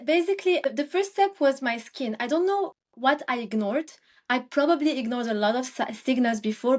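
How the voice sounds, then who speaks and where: A young woman from Morocco, a guest in a casual interview, talking with many fillers and restarts. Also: sits high. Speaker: guest, Ayurvedic practitioner.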